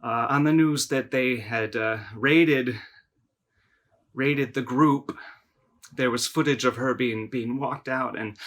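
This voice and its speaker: An actor playing a melodramatic, film-obsessed young man in a mockumentary confessional, talking in halting, stammering bursts and repeating his words. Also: mid-range voice, fairly bright tone. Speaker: interview subject in a mockumentary.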